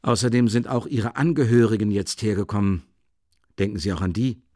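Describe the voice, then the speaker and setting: A man reading an audiobook, voicing an older male investigating judge who speaks softly and insinuatingly with a mocking chuckle. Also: brisk, no echo, studio quality, close to an everyday voice. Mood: sly. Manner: low, soft, chuckling, insinuating. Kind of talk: audiobook character voice.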